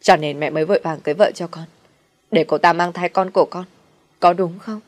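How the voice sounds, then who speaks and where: Audio-story role: unstable ailing young man, acted by a woman, loud, low outbursts. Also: a little fast, lightly acted. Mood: resigned. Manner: shouting, agitated. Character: sickly volatile young husband, fearful of death.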